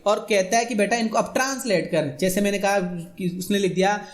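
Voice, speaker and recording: A male teacher giving an exam-prep video lecture. He reads English text slowly and then explains it casually in Hindi, repeating points often. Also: high voice. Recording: roomy echo.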